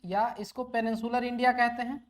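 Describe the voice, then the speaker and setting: A woman's voice: fairly high pitch, level tone, fairly quick. A woman teaching a lecture who asks her students questions and then answers them herself, mixing English terms into her explanations. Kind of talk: classroom lecture.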